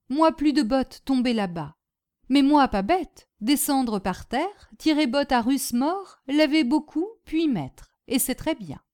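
Femme jouant un jeune exilé polonais. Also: female voice, sits high, a little mellow, pitched above the performer's own voice. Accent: Polish. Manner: broken simple phrases, contented. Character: young Polish exile man, broken French.

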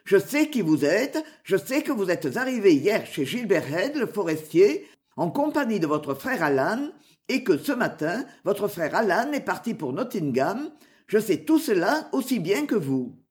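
A woman's voice: medium pitch, big pitch swings, measured pace, darkish tone. A woman reading aloud voices a fierce, mocking male outlaw who boasts and threatens. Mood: boastful.

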